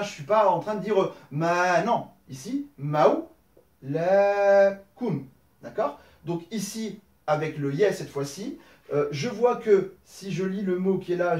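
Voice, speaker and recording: A man's voice: sits high, darkish tone, reverberant, recorded from a distance. A man teaching a language lesson at a whiteboard, explaining step by step and often checking in with "d'accord?". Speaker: Arabic teacher.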